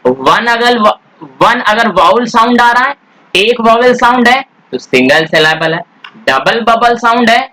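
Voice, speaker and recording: Bright-voiced Indian man teaching grammar. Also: high-pitched, rough recording. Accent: Indian English. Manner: addresses students as "beta", asks and answers his own questions; drawls English words slowly when writing them out. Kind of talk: classroom grammar lesson.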